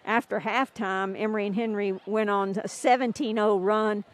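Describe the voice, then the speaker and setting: A woman's voice: medium pitch, fairly even intonation, normal speed. Woman radio announcer reading off stats. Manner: chatty, rattling off game stats. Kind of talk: radio game broadcast, filling a delay.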